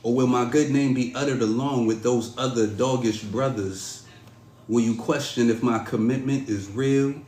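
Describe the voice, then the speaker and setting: Man, spoken-word poetry recital, dramatic and pleading, mid-pitched voice, roomy echo. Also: fairly even intonation, darkish tone. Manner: measured, dramatic, pleading delivery. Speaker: podcast host performing a poem.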